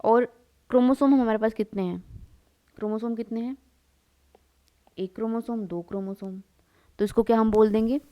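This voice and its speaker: Young female biology tutor with a warm, mellow voice, using a question-and-answer drill while drawing on the board. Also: fairly high pitch, fairly even intonation, normal speed, pauses often. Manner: asks students questions and answers them herself; calls listeners "beta" and mixes English into the talk. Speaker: biology teacher. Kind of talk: classroom lecture while drawing.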